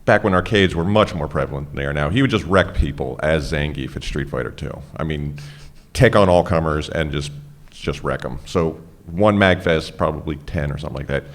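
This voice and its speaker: A man with a very deep voice tells a relaxed, casual story to a panel audience. His manner is easygoing and conversational. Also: fairly quick.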